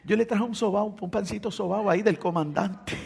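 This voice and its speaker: A male preacher putting on the voice of a self-pitying man who whines softly that he has been wronged. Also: high-pitched, fairly quick, vocal fry, a little hiss or hum. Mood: whining self-pity. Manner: whiny, sorrowful, soft-spoken.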